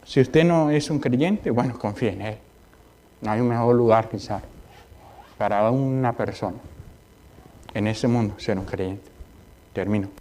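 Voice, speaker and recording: A man's voice: unhurried, pauses often. A male pastor preaching a sermon in a conversational style, mixing personal stories with exhortation and often asking his listeners if they understand. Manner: rises high and loud in exhortation, drops quiet in storytelling. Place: church sanctuary.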